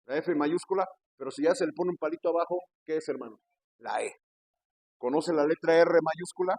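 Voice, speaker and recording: A man's voice: on the high side, a little fast, a little mellow, no room sound, low-quality recording. A man with a Mexican Spanish accent, a pastor preaching a sermon who keeps addressing the listener as brother and asking rhetorical questions. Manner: preaching, peppers speech with "hermano" and rhetorical questions. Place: church.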